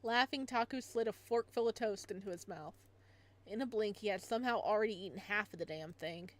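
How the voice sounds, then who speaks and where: A woman with a medium-pitched, fairly quick voice does a casual let's play, reading a visual novel's story text aloud. She adds side comments and sometimes stumbles over words.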